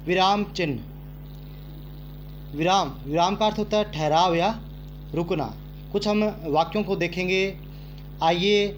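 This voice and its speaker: A man teaching a grammar lesson to children, speaking slowly and repeating phrases for emphasis. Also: a little high, slight background noise. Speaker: Hindi teacher.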